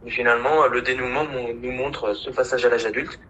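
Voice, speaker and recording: A man's voice: medium pitch, steady tone, quick pace, fairly bright tone, dull audio, a little hiss or hum. A man chatting as a podcast panelist, earnest and hesitant. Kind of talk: casual podcast chat.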